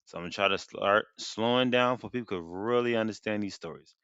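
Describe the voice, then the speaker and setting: A man's voice: lowish voice, brisk, fairly bright tone, clean tone, no echo. A man teaching a Bible lesson, reading verses and then paraphrasing them in everyday slang. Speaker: street preacher teaching scripture. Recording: dry, dull lo-fi sound.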